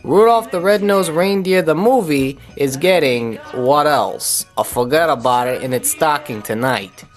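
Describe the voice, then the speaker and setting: A man giving a sarcastic, wisecracking comedic review of an animated film. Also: fairly high pitch, a little slow, soft background music. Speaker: cartoon reviewer.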